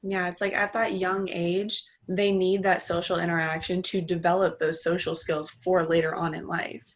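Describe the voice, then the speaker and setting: A woman's voice: fairly low pitch, little pitch movement, normal speed, a little hiss or hum. A woman joining a casual video call, chatty and agreeable. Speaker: meeting participant.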